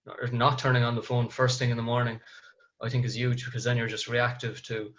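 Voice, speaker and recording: A man's voice: mid-range voice, monotone, a little fast, a bit bright. A man with an Irish accent hosting a casual podcast interview, on slightly lo-fi audio. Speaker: podcast host.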